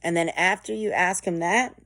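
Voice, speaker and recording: Low-voiced, emphatic woman sales coach. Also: fairly even intonation, normal speed, fairly bright tone, dry recording. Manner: emphatic and motivational, pushes with intensity. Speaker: sales trainer. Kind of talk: instructional sales coaching talk.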